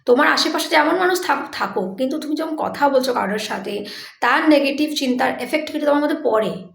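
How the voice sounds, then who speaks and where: A woman's voice: high voice, animated, quick pace, vocal fry, roomy sound. A woman giving a motivational talk, speaking directly to the listener in an earnest, coaxing way.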